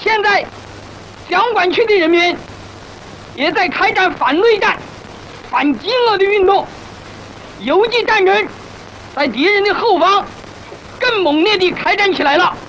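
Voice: very high-pitched, expressive, a little slow, pauses often, fairly bright tone, exaggerated voice. An actor in an old film playing a resolute revolutionary army commander, giving a solemn, rousing, declamatory speech. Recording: dull old film soundtrack, faint noise.

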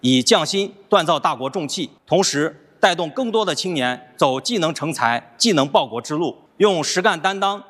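A man's voice: on the high side, expressive, moderate pace, hardly any pauses, fairly bright tone. A man giving a prepared formal statement as an interviewee, earnest and sounding recited. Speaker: award-winning skilled construction worker interviewee.

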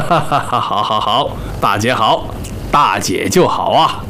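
An actor playing a genial, scheming official hosting a banquet in a costume drama, smooth, coaxing and officious. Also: male voice, fairly low pitch, expressive, slow pace, sharp tone, slight background noise, exaggerated voice. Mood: jovial. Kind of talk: Chinese costume television drama acting. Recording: music behind dialogue.

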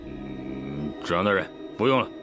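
A man's voice: a bass voice, expressive, measured pace. An actor playing a stubborn, sociable drunken warrior in a period drama, slurring his words over background music. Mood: tipsy, insistent. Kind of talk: Chinese period television drama acting. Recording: background music under dialogue.

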